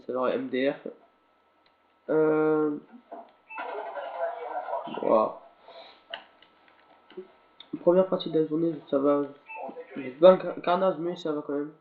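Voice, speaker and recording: A slightly sick man rambles through casual gameplay commentary, stopping and restarting as he talks to his viewers. His voice sits a little high for a man. It comes through a tinny, phone-like capture with an echo and faint game sounds behind it. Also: a little hiss or hum. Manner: rambling, halting, talks to viewers while playing. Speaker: gaming video commentator.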